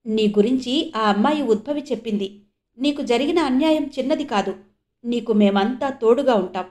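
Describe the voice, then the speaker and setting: A woman's voice: on the high side, normal speed, darkish tone, lightly acted. A woman narrator voicing an emotional, earnest middle-aged father who asks urgent, pleading questions.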